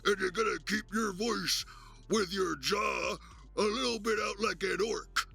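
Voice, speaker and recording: A man voicing a crude, jolly biker Santa Claus for a game mod, in a throaty rasp with a jutting-jaw, gruff, booming delivery. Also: fairly even intonation, a little slow, sharp tone, soft background music, exaggerated voice. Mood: gruff, hearty. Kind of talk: video game mod character voice.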